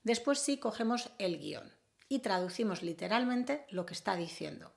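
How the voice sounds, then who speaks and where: Woman explaining with a gravelly edge. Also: mid-range voice, lively intonation. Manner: clear, measured explaining with occasional fillers. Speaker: English teacher. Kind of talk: explanatory video lesson.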